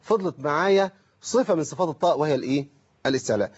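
A man with an Egyptian accent, teaching Quran recitation on a call-in lesson and explaining through rhetorical questions and slowly drawn-out examples. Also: on the high side, expressive, husky, muffled recording.

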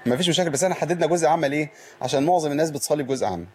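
A man with an Egyptian accent hosting a live call-in Quran recitation lesson, stretching and repeating words slowly to show how they are pronounced. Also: fairly high pitch, darkish tone. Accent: Egyptian Arabic.

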